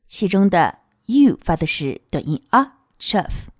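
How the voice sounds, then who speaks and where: A woman teaching English pronunciation of a children's song, modeling each sound slowly and clearly. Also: on the low side, very animated, no echo, clean studio sound. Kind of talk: explaining song lyrics and pronunciation.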